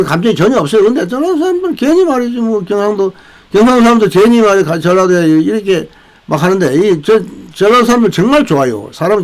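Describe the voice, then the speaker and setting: A man's voice: high voice, poor audio. An older man hosting a veterans' channel, giving a rambling political commentary with many restarts and tag questions. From South Korea.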